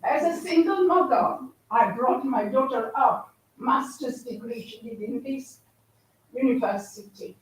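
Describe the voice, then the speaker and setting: A woman's voice: on the high side, unhurried. A woman in her sixties telling her life story in a heartfelt, emotional speech at an event. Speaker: event speaker. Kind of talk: personal testimony speech. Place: university studio hall. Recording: echoey hall from far off.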